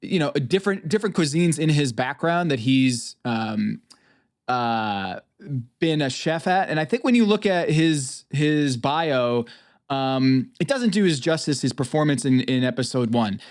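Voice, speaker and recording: Speaking expressively at a measured pace and medium pitch, this New England podcast host chats casually about fantasy draft analysis. His talk is hesitant and sprinkled with ums and uhs.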